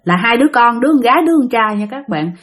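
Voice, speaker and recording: A woman's voice: fairly high pitch, animated, very fast, fairly bright tone. Chatty woman storyteller. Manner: chatty, full of filler particles and restarts, addressing listeners. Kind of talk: casual spoken storytelling.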